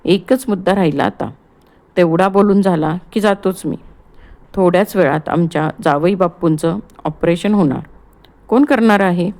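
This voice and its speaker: A woman's voice: fairly low pitch, normal speed, a little mellow, natural voice. A woman voicing a cold, needling young man in an audiobook play reading. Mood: cool. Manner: cool and needling.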